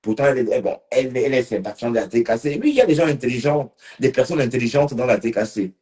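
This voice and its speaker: A man's voice: mid-range voice, animated, fast talker, darkish tone. Tipsy man rambling on a live stream. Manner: rambling, addresses commenters by name. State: slightly tipsy. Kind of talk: casual live-stream chat to viewers.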